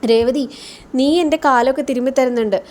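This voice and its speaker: Caring young husband, gentle, as a woman narrator puts him on. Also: high voice, fairly even intonation, fairly quick, close to an everyday voice.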